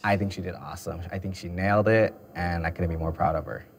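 Low-voiced soft-spoken dad. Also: male voice, fairly even intonation. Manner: soft-spoken, halting with fillers. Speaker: pageant dad. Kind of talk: reality TV interview. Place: salon interview corner. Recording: music bed underneath.

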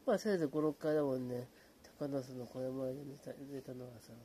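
A man talking in a hushed, low voice from his apartment late at night, greeting viewers by name and rambling in a relaxed way. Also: a little fast, a little hiss or hum. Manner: hushed, low-volume talk; relaxed, rambling, fond of fillers like うん. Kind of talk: casual late-night chat.

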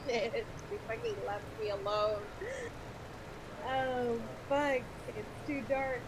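A woman's voice: fairly high pitch, takes it slowly, background noise. A young woman streaming a game with a friend, laughing and swearing playfully in casual chat.

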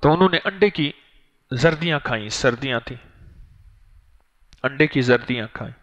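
A man giving a sermon, with storytelling passages and slow, chanted litanies. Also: mid-range voice, expressive, fairly bright tone, muffled recording. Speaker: religious teacher.

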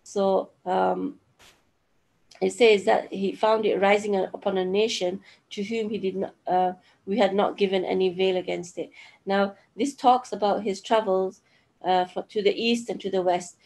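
A middle-aged woman teaching a Quran lesson over a video call, explaining slowly with many fillers and restarts. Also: medium pitch, fairly even intonation, vocal fry, darkish tone.

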